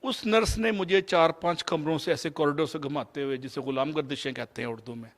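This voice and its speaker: Man, fifties, Pakistani Urdu accent, motivational speaker, storytelling lecture, English phrases mixed in. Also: fairly high pitch. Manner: mixes English phrases into Urdu, shifts between loud and soft.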